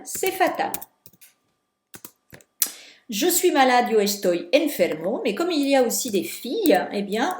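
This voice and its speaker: A woman teacher correcting homework for her students, explaining step by step and slowing down on key words. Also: fairly high pitch, darkish tone. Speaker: Spanish teacher. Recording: echoey room.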